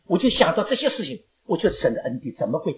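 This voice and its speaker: An older woman talks to her congregation at a church gathering, her pitch leaping widely as she goes. She rambles, laughs often and drops in English phrases. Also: big pitch swings, rapid-fire. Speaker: elderly church member giving thanks. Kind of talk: emotional speech to a congregation.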